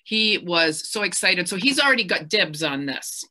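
A woman's voice: fairly low pitch, animated, normal speed, bright, forceful tone. A Scottish woman interviewing an author over a video call, chatty and enthusiastic with many fillers. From west coast of Scotland. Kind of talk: casual book-event chat.

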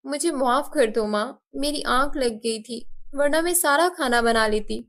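A woman voicing a gentle, tearful young girl in a cartoon story, speaking softly and pleadingly. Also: high-pitched, a little slow. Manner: soft, pleading.

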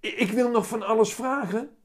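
A man doing a high, excited little boy. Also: moderate pace. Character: young boy, shy and eager. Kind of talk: reading a children's book aloud.

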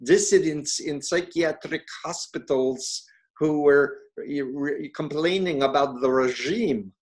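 A man voicing a stern middle-aged male Soviet psychiatrist, in a heavy, deliberately bad Russian accent and a lecturing, insistent manner. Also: fairly high pitch.

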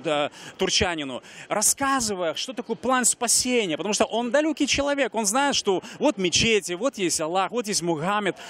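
On a busy pedestrian street, a TV host in his forties conducts a street interview about ministry, speaking earnestly into a handheld mic with many fillers and restarts. His voice is high-pitched and a bit bright.

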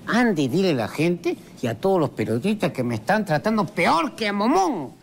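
A man's voice: high-pitched, big pitch swings, normal speed, gravelly, a little hiss or hum, voice pushed down, exaggerated voice. A comedian playing a testy old former president, bossing around his son with quavering exclamations. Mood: scolding. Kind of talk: sketch comedy impression. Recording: live TV studio with audience.

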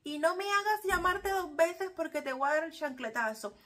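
A Cuban woman acting out a mother yelling down the street for her children to come eat. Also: extremely high pitch, animated, normal speed, faint music behind, pitched above the performer's own voice. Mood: hollering. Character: shouting Cuban mother calling kids to lunch.

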